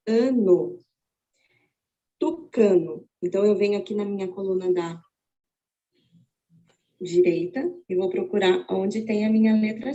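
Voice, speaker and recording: Brazilian woman, teacher, step-by-step demonstration, very mellow voice, dull live-stream sound. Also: medium pitch. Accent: Brazilian Portuguese. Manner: slow, methodical, thinks aloud while searching. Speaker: teacher demonstrating braille activities.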